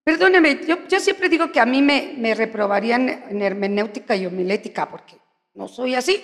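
A woman pastor preaching a sermon in an animated, conversational way, acting out little scenes. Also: on the high side, fairly quick. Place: church. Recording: echoey church hall.

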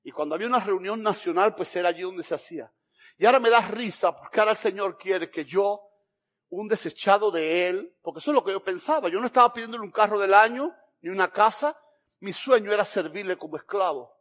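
Preaching as an evangelist, a man from Cuba tells his story with drama, abruptly shifting from booming to hushed. He speaks at a quick pace in a high-sitting voice.

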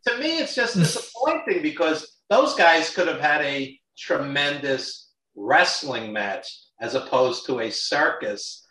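A man with a Brooklyn accent talks casually and bluntly, airing strong opinions. His voice sits a little high, and the recording is roomy, as if he is some way from the microphone. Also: animated, measured pace, bright, forceful tone. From New York. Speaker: guest, wrestling industry insider. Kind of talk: casual chat. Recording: roomy, echoey, distant from mic.

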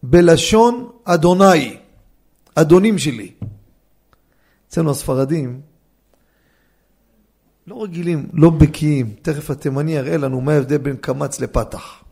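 Rabbi man lecturing in a study hall, high voice w/ a gravelly edge, keeps throwing questions at the class. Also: pauses often. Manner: animated, fires rhetorical questions at listeners. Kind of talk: Torah law lecture.

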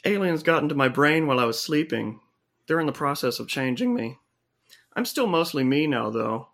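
A low, lazy drawl of a laid-back male cat who calls everyone man and dude, as a woman puts him on. The comedy sketch keeps him mellow and unbothered. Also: lively intonation, moderate pace. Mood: dazed.

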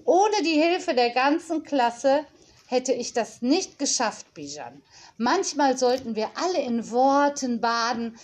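A whimsical nanny speaks in a bright, high voice full of playful calm, voiced by a woman reading a storybook. She takes her time over every word, relaxed and unflappable. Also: slow pace, full character voice. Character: cheerful whimsical female nanny teacher.

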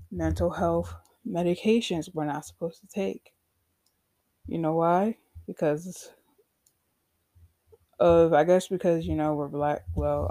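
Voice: medium pitch, darkish tone, dry recording, clean studio sound. Podcast host, solo rant: blunt, heavily profane, sarcastic asides to the audience, mid-range voice. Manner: blunt, profane storytelling that acts out past conversations; sarcastic, addresses listeners directly.

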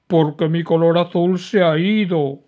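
A man's voice: a little high, fairly even intonation, measured pace, voice pushed up, natural voice. A man voicing a big, childlike male dragon who wails and whines through tears. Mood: sobbing. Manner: wailing, sobbing, whiny. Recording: dull lo-fi recording.

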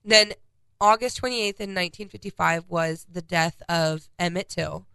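A stuffed-up woman co-hosts a casual podcast, running through a list of dates and events. Her voice is bright with a gravelly edge. It is recorded close and dry. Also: on the low side, normal speed, no echo. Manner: reads out a history timeline of dates. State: congested. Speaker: podcast co-host.

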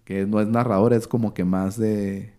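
A man in his thirties with a Mexican Spanish accent, a sports commentator telling a story as a podcast guest in a casual, slangy, animated way, acting out what others said. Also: lowish voice, normal speed. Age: 30s.

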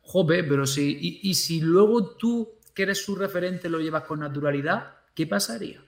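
A man who teaches school, talking casually with an animated way of acting out what he says to his pupils. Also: fairly high pitch, normal speed, creaky, echoey room. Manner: animated, acts out quoted speech to pupils. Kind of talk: casual conversation.

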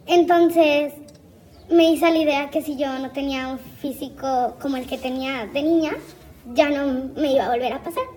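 A woman's voice: sits high, steady tone, normal speed, a little mellow, low-quality recording. A woman giving a candid personal testimony in a subdued way.

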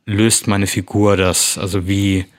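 A man's voice: sits low, level tone, measured pace. A man who works as an actor, talking casually about preparing roles and rambling through many fillers and restarts. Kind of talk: casual chat.

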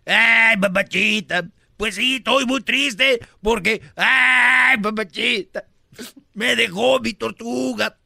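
A man voicing a silly joke-telling clown character who shouts a pet catchphrase over and over. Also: very high-pitched, takes it slowly, vocal fry, no room sound, studio quality, exaggerated voice. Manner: catchphrase-heavy, shouty, giggly.

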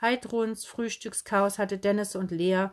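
A woman narrating a children's book in a lively, expressive way. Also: mid-range voice, a little slow. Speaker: audiobook narrator.

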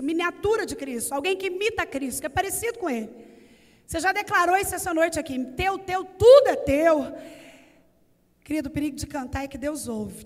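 A Brazilian woman preacher delivers an earnest sermon, stacking up words and phrases for emphasis. Her voice sits high, and it rings out with a long echo through a church hall. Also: fairly bright tone. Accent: Brazilian Portuguese. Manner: earnest, builds emphasis through lists and repetition. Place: church sanctuary.

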